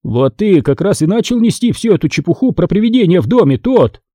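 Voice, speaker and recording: A man's voice: high voice, big pitch swings, fairly quick, dark tone, no echo, clean studio sound, pitched above the performer's own voice. A stern, irritated father, read by a man. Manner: curt commands.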